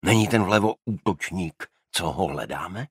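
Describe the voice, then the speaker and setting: A man's voice: sits low, lively intonation, husky, dry recording, studio quality, voice pushed up. A man voicing a level-headed, friendly male detective in an audiobook. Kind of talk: audiobook character voice.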